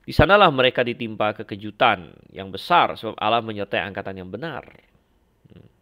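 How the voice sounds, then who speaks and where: A man giving a Bible lesson, explaining slowly with frequent fillers and restarts as he compares passages. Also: lowish voice, lively intonation, fairly bright tone. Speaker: Bible teacher. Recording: dull lo-fi lecture recording.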